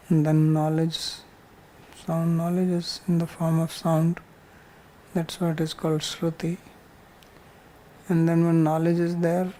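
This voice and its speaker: The recording is poor, with a little hiss or hum, as an Indian-accented spiritual teacher explains scripture to a class. His fairly high, mellow voice goes over points patiently and repeatedly, using simple examples to teach.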